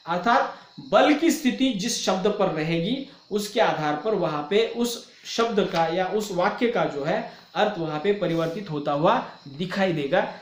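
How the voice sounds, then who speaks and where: A man giving a recorded lecture, explaining slowly and stretching out example words. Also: sits high, echoey room.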